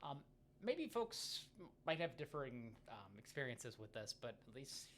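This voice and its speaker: An American man rambling casually to viewers as a running vlogger, halting and self-deprecating, often drifting into asides. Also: medium pitch, big pitch swings, a bit bright. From United States. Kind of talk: casual, rambling vlog chat. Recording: faint ambient background noise.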